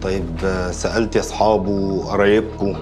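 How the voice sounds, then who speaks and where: An actor in a TV comedy playing a curt, commanding Egyptian police officer questioning locals. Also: male voice, sits low, fairly even intonation, brisk, reverberant, over music, lightly acted. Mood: stern. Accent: Egyptian Arabic.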